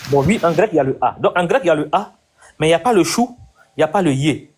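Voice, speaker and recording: A man's voice: on the high side, expressive, quick pace, a little hiss or hum. A man hosting a debate, insistently questioning his guest and repeating his points. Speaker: debate host. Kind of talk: live debate conversation.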